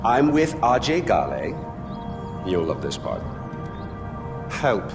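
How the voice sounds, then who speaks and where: An actor playing a middle-aged, flamboyant dictator in a video game, urbane, charming and mocking, with an edge of menace. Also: male voice, lowish voice, very animated, slow, over music, exaggerated voice. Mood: mocking, menacing. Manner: urbane, mocking, drawling emphasis, swearing. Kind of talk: theatrical video game villain acting.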